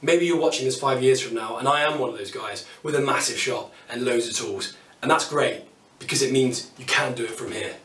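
This British man in his thirties, a woodworking YouTuber, talks fairly quickly at a medium pitch with a fairly bright tone as he tours his tools for the camera, upbeat and self-mocking. The setting is a small indoor home workshop, captured by a distant camera mic that leaves the voice off-mic and the sound roomy.

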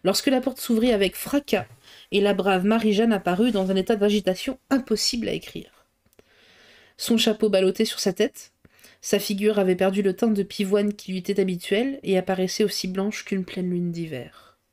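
Female streamer reading a novel aloud, mid pitch, expressive. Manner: measured, expressive narration. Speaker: reader. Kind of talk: audiobook reading.

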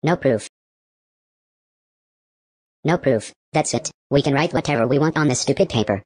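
A man's voice: mid-range voice, moderate pace, darkish tone, no echo, pitched above the performer's own voice, close to an everyday voice. A man voicing a sly schoolboy who plots to lie.

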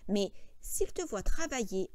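A woman's voice: medium pitch, very animated, a little slow, no room sound. A woman reading an audiobook, voicing a short-tempered grown man who scolds and orders his companion about. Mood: instructing, scolding. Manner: scolding, sharp, impatient. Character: irritable, bossy adult male farmhand, short-tempered.

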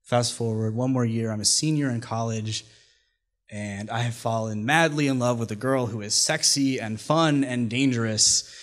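A young man in his twenties tells a personal story on a small stage, close to a stand microphone. His delivery is wry and self-deprecating, and he sets up lines for laughs. His voice sits at a middling pitch for a man. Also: moderate pace. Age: 20s. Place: small stage venue, indoors. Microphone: stand mic at mouth.

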